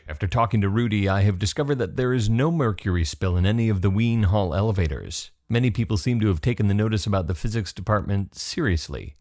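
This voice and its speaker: A man's voice: on the low side, no room sound. A man hosting a daily history podcast, reading a script with dry joking asides. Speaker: podcast host.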